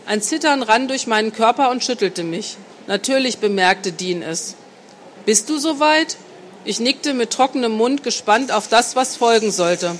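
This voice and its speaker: A woman narrating an erotic novel in the first person, in an intimate, measured storytelling voice. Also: fairly high pitch, a little hiss or hum. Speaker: audiobook narrator.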